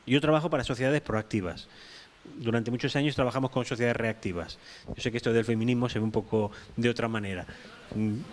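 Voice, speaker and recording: A man's voice: mid-range voice, fairly even intonation, quick pace, slight background noise. Emphatic man at a panel. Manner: emphatic, repeats points, many restarts. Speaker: panel speaker. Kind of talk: round-table talk.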